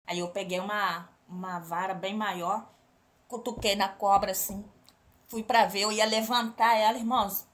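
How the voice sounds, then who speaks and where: A woman's voice: mid-range voice, fairly even intonation, moderate pace, a bit bright. A woman with a Brazilian accent telling a religious testimony to a congregation, often turning to the listeners as brothers and sisters. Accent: Brazilian Portuguese. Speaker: church member giving a testimony.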